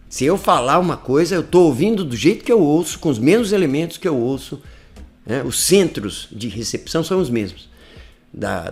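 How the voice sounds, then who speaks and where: Lively man teaching, animated pitch. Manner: lively, conversational, frequent "né?" tags, animated swings in pitch. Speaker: online English course tutor. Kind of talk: live online lesson talk.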